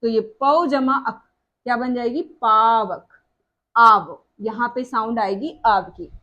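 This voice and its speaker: A woman's voice: a little high, slow pace, pushed and bright, lo-fi sound. A woman teaching a grammar lesson, asking questions and answering them herself, repeating each example word.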